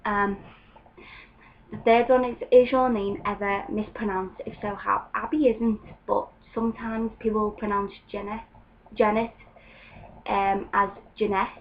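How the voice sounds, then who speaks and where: In a lo-fi home video, a young woman from England chats casually, her mid-range voice level and a little slow, with frequent ums. She's in a room at home where faint background noise comes through an open window.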